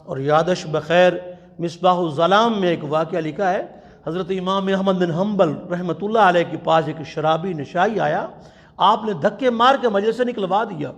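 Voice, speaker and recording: High-voiced man preaching in a reverberant mosque. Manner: impassioned storytelling, chanting quotations slowly. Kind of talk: sermon at a religious conference. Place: large mosque. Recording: long hall reverb.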